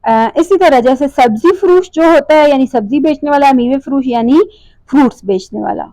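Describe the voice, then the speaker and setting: Woman teacher, high-pitched, dry close sound, drills words one by one and answers her own questions. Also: dark tone, dry recording, rough recording. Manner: repeats each word slowly, asks and answers own questions. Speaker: language teacher. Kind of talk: slide-based language lesson.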